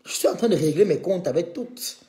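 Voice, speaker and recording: A man's voice: high-pitched, expressive, a little fast, dark tone, reverberant. A man hosting a live stream, needling a rival and calling on his viewers in a combative way.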